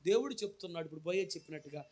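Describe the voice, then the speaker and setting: A man preaching a sermon as a pastor, speaking with a Telugu accent, rising to shouted peaks and slipping into pleading, prayer-like passages. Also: high-pitched, animated, rapid-fire. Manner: acts out tearful prayers in a pleading voice.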